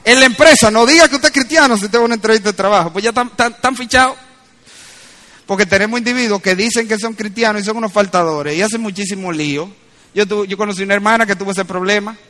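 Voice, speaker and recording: Man, pastor, preaching with punchy climbs and hushed asides, high-pitched delivery. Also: quick pace. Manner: animated preaching, shifting between loud emphatic peaks and low asides. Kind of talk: sermon.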